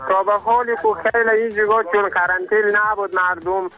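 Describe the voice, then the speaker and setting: Caller, muffled phone line. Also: male voice, sits high, fairly even intonation, faint music behind. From Badghis, Afghanistan. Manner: slow, measured poetry recitation, courteous. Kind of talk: phone call reciting verse.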